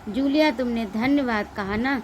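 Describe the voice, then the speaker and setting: Lady reading as a stern cheapskate boss guy, highish voice, bit of noise behind. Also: moderate pace, close to an everyday voice, rough recording. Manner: stern, accusing, shouting in anger. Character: stingy scolding male employer.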